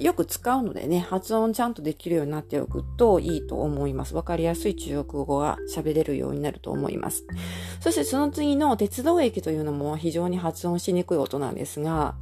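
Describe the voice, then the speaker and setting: A woman teaching in an audio lesson, explaining patiently step by step and filling pauses with many soft hesitations. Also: sits low, creaky. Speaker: Chinese language teacher.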